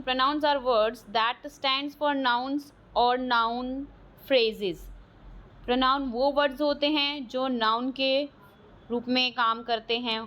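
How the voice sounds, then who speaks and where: A woman with an Indian accent teaching an English grammar lesson, explaining terms in Hindi and often checking with "clear?". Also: a little high, fairly bright tone. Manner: slow, drawn-out, checks understanding with "clear?".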